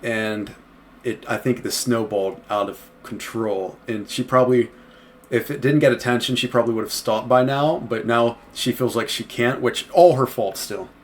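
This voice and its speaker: A man's voice: medium pitch, fairly even intonation, moderate pace, slight background noise. A young man hosting a reaction video, talking casually and bluntly, swearing and speeding up when he gets worked up.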